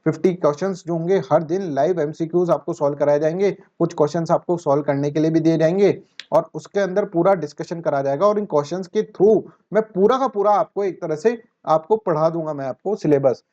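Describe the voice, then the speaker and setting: A man's voice: on the high side, fairly quick, mellow. A man teaching an exam-prep lecture in a chatty way, asking and answering his own questions. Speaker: current affairs teacher. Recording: dull lo-fi sound.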